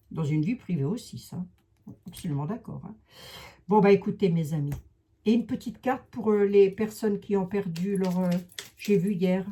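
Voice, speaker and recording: A woman with a Lorraine accent reads oracle and tarot cards in a loose, talkative way, wandering into asides and correcting herself. Her voice is low-set, mellow and a little husky. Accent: Lorraine French. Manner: chatty, rambling, with many hesitations and asides. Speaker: tarot and oracle card reader. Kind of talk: casual card reading to viewers.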